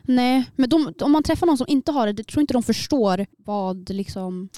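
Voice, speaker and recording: A woman's voice: a little high, background noise. Young woman, hesitant casual chat. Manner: hesitant, many fillers, laughs easily. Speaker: podcast co-host.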